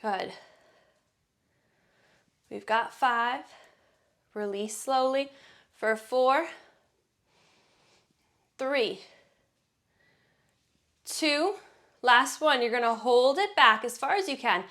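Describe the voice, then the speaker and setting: A woman's voice: on the high side, extremely slow, long pauses, a bit bright. A woman leading a workout, counting reps and cueing breaths in an encouraging way, a little out of breath as she exercises along. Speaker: fitness instructor. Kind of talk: guided workout instruction.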